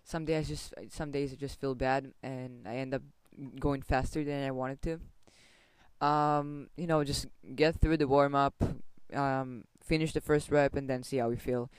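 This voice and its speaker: A young man co-hosting a casual podcast, giving relaxed, reassuring advice with lots of fillers. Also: mid-range voice, measured pace, clear, resonant tone, no room sound. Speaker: podcast co-host. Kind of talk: casual chat.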